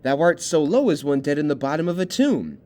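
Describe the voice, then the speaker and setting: A man's voice: on the high side, big pitch swings, a little fast, warm tone. A man reading as a lovesick young noble girl. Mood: tender. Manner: plain read-aloud of verse.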